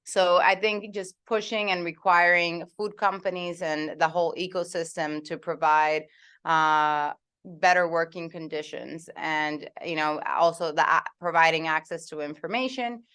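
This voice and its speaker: A woman moderating a panel discussion, speaking with frequent fillers and pauses. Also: deep voice, steady tone, fairly bright tone, clean tone. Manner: many fillers, thoughtful pauses. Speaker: policy fellow and moderator.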